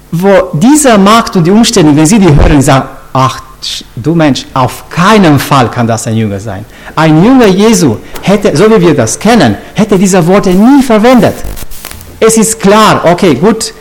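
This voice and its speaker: A man with a high voice that swings widely as he preaches, teaching scripture in an informal way. He keeps turning to his listeners with questions and often breaks off to restart his sentences.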